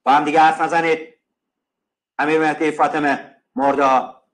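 A man's voice: on the high side, flat delivery, fairly bright tone. A middle-aged man teaching a class, chanting lines of verse in rhythm and breaking off to scold students sternly. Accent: Persian, Iranian.

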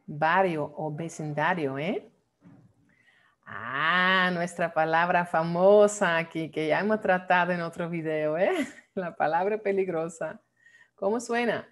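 A woman teaching a lesson on Dutch pronunciation, playful and repeating words slowly as drills. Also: lowish voice. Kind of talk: online language lesson.

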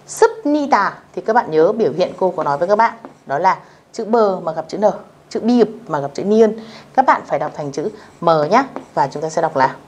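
A woman teaching beginners a language lesson, speaking patiently, repeating phrases slowly and checking that her students follow along. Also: lowish voice, husky.

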